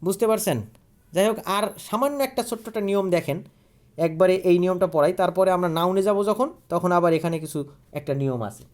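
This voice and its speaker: A man's voice: high voice, fast talker. Male tutor. He drills grammar rules by quizzing himself aloud. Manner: asks questions and answers them himself, repeating key words. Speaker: English grammar teacher. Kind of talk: online grammar lesson.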